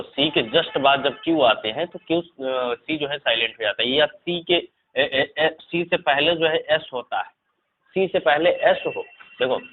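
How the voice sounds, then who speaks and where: A man teaching English spelling rules to students, repeating each rule and checking in with them often. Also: medium pitch. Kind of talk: classroom lesson explaining spelling rules. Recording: tinny phone-like lo-fi sound.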